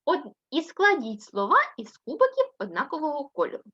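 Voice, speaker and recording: Brief: Ukrainian woman, first-grade teacher, high and animated, sing-song syllable drills, muffled lo-fi recording. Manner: slow, sing-song syllable-by-syllable reading with frequent "так?" checks; affectionate praise of pupils. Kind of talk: remote reading lesson for young children.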